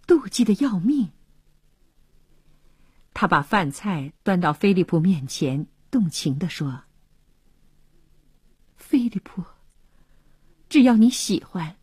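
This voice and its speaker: A woman reads a radio story aloud in a very husky, breathy voice. She takes her time, and her pitch swings widely as she sinks into hushed passages. The recording is dry and close, with no room sound. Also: dry recording. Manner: expressive storytelling, often dropping to a hushed voice. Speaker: narrator. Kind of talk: serialized radio story reading.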